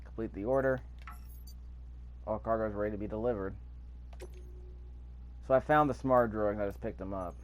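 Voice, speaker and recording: A gaming video host with a fairly low voice rambles offhandedly through gameplay commentary at a normal speed, reading prompts aloud and leaving long pauses. The recording has its highs cut off and faint noise behind him.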